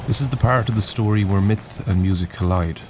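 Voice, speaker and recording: A very deep-voiced man, host of a story series, delivers scripted dramatic narration in a solemn, poetic, deliberate manner. Music plays beneath his voice, along with some background noise.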